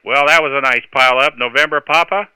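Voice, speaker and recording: A man's voice: mid-range voice, fast talker, heavy background noise. A man working as an amateur radio net controller, speaking in courteous, procedural marine radio style with phonetic call signs.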